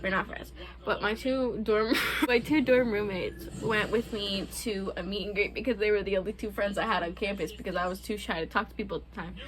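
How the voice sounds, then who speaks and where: A woman's voice: medium pitch, steady tone, brisk, faint music behind, low-quality recording. A young adult woman hosting a casual couple's Q&A vlog, chatting candidly with loose, profane phrasing. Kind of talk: casual chat.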